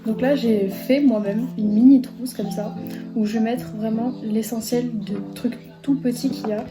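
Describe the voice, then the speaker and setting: Over music, a teen girl vlogs in a chatty, bubbly way, peppering her talk with fillers such as "euh" and "bah." She sounds stuffed up and is losing her voice, speaking at a moderate pace in a steady, slightly high tone.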